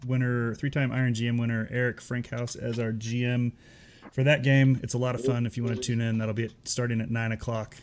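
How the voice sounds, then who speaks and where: A man's voice: medium pitch, little pitch movement, fairly quick. Laid-back man hosting a show. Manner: laughing, loose and rambling. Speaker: host. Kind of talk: casual online show hosting.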